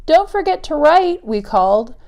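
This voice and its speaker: A woman leads storytime for preschoolers, reading aloud and addressing the children directly with simple encouragement and heavy sing-song emphasis. Her high-pitched voice is sing-song and a little mellow. Her pace is moderate.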